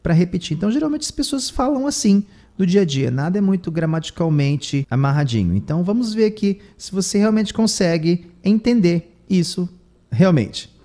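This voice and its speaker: A man with a Brazilian Portuguese accent gives an English lesson, translating each phrase and repeating key words. His voice is somewhat high and mellow. His pitch moves a great deal as he explains. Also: animated, normal speed. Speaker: English teacher.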